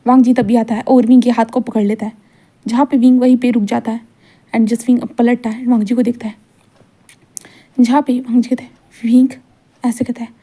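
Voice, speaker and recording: Fast-talking woman retelling a story. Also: on the high side, level tone, mellow, husky. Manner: rambling, repeats linking phrases. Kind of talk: retelling a fan fiction story.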